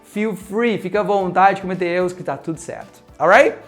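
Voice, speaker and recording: A man's voice: sits high, a little fast, soft background music. A man with a Brazilian Portuguese accent giving a casual English lesson, mixing in English phrases and checking in often with the viewer. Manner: animated, mixes in English phrases, keeps checking in with "ok?". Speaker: English teacher.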